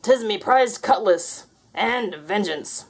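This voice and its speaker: A woman performs a vengeful male pirate ghost for a storybook, growling and booming in pirate dialect. Her delivery is expressive and slow.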